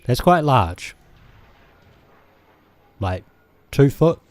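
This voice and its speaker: A man's voice: mid-range voice, big pitch swings, very slow, dry recording. A man with a New Zealand accent, hosting a let's play and rambling hesitantly between game moments, with plenty of ums and restarts. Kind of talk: casual gameplay commentary.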